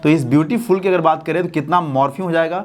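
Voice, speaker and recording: A male English teacher gives a classroom lesson in a voice that sits on the higher side for a man. He keeps asking his students questions and then answering them himself, and he slows down to a steady dictation pace whenever he spells out a word. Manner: slow, deliberate dictation when spelling out words. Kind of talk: classroom-style lesson explanation.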